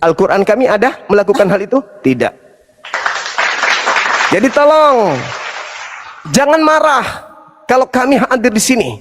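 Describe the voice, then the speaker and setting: A man's voice: very high voice, big pitch swings, moderate pace, pauses often, in a large hall, a loud crowd, very noisy. A man giving a confrontational, taunting speech at an interfaith debate, emphatic and challenging. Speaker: Islamic apologetics preacher.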